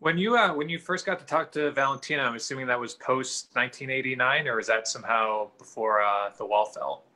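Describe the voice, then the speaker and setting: A man's voice: mid-range voice, a little fast, hardly any pauses, sharp tone, low-quality recording. A man hosting an online talk night over a video call, upbeat and chatty with lots of fillers. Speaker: host. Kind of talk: hosting a virtual talk show.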